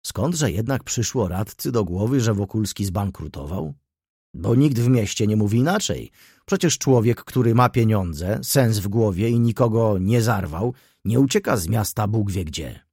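A man's voice: fairly low pitch, lively intonation, moderate pace, darkish tone, husky, no room sound, studio quality. A man voicing an indignant older male councillor who fires off heated rhetorical questions, in an audiobook reading.

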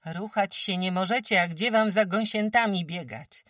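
A woman's voice: medium pitch, moderate pace, sharp tone, dry recording, studio quality, far from the mic, pitched above the performer's own voice, lightly acted. A woman voicing a careworn peasant farm wife who talks emphatically in rustic speech, lamenting her troubles. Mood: brisk, kindly. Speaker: farm housewife.

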